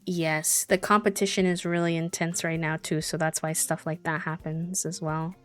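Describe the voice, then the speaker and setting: A woman's voice: sits low, flat delivery, moderate pace, a bit bright. A woman livestreamer chatting casually while she plays a game. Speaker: streamer hosting a charity gaming livestream. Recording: music behind the voice. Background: music.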